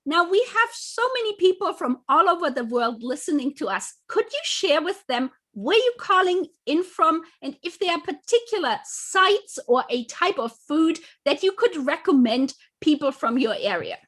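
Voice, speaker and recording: A woman's voice: high-pitched, very animated, moderate pace, hardly any pauses, fairly bright tone. A woman hosting a podcast, reading a formal introduction and then asking her guest polite questions. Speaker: podcast host. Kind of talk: scripted podcast introduction and interview.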